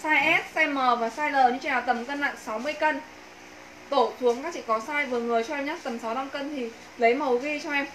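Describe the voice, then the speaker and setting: A Northern Vietnamese woman delivers a persuasive live clothing pitch. Her voice is bright and she talks fast and emphatically. It is picked up by a phone in a small, echoey shop room. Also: steady tone. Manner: persuasive, emphatic sales patter. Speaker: livestream clothing seller. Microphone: phone a few steps away. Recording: roomy echo, faint background noise.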